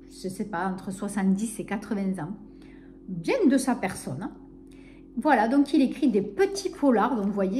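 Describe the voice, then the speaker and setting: She has a mid-range voice with slight background noise behind it. A woman from Narbonne, southern France, she chats in her book vlog with a southern French accent, rambling a little and sounding warmly enthusiastic.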